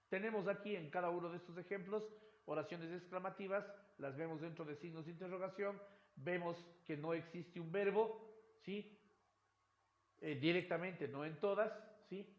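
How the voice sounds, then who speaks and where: A male teacher giving a recorded lecture, often checking in with "right?" and repeating phrases as he explains. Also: fairly high pitch. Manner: checks in with "right?" and "yes?" after points; repeats words and restarts phrases. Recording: roomy echo.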